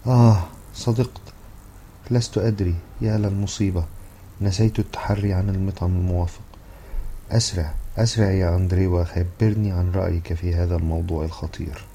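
A man reading the part of an earnest, excitable young man in love, in an eager, pleading way. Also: sits low, brisk, slight background noise.

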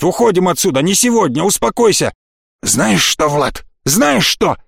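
A man's voice: high voice, vocal fry, fairly bright tone, breathy edge, no room sound, clean studio sound, voice pushed up, full character voice. A man doing a hot-headed brawny warrior. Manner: angry, accusing. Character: hot-headed burly male warrior, quick to anger. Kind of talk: audiobook character voice.

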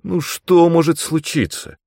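Young apprentice voiced by a man, eager, pleading, animated, dry. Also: medium pitch, moderate pace, dry recording, pitched above the performer's own voice. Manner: pleading, enthusiastic. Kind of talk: audiobook character reading.

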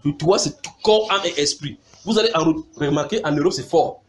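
A man preaching a sermon, animated, mimicking sounds and calling out to his congregation. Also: on the high side, fairly quick.

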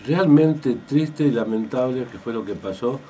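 A man with an Argentine accent co-hosting a radio talk show. He speaks deliberately, pausing often with fillers. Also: mid-range voice, lively intonation, mellow. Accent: Argentine Spanish. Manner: deliberate, with many pauses and fillers. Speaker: radio co-host. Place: radio studio. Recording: distant mic with faint noise.

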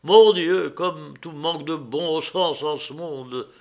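A troubled drunken elder brother who bursts out loud and high, bitter and afraid, as a male audiobook reader puts him on. His voice sits up high and his speech drags slowly. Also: animated. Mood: agitated. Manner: loud, agitated outbursts. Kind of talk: audiobook character reading.

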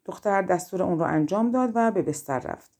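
A woman narrating a fairy-tale audiobook in a calm, even storytelling manner. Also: on the low side.

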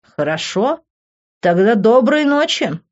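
Woman reading a gruff male police officer. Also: on the high side, very animated, slow pace, pitched above the performer's own voice. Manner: gruff, matter-of-fact. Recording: dull lo-fi recording.

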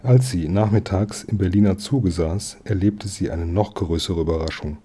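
A man reading a children's novel aloud as an audiobook, with calm, measured storytelling. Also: sits low, slightly rough. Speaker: audiobook reader.

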